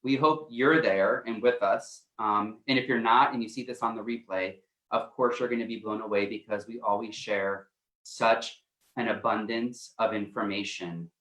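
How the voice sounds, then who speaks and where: Co-hosting the same kind of coaching livestream, this life coach has a fairly low, slightly bright voice with fairly even intonation and a normal pace. His chat is casual and rambling, packed with fillers, in an echoey room.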